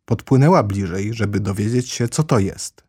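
A man calmly narrating a storybook in a measured reading voice. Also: on the low side, slightly rough, dry recording, studio quality. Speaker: audiobook narrator.

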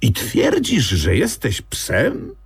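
A man voicing a bored, cheeky young female squirrel in a children's audiobook, with shrill, teasing exclamations. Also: wildly swooping pitch, slow, creaky, husky, exaggerated voice. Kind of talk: audiobook character voice.

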